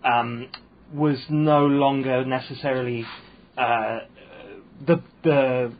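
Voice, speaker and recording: Man, posh English accent, husky, hesitant, rambling podcast chat, dull lo-fi sound. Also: mid-range voice, fairly even intonation, takes it slowly. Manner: rambling, hesitant, self-deprecating. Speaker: comedian guest. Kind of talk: casual podcast interview. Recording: muffled lo-fi sound.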